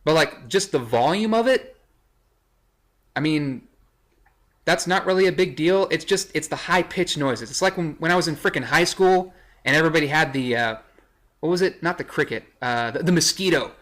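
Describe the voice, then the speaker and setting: Bright-voiced young man riffing sarcastically. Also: fairly high pitch, lively intonation, moderate pace. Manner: sarcastic, rambling, self-correcting. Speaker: vlogger. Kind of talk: casual commentary reading a list.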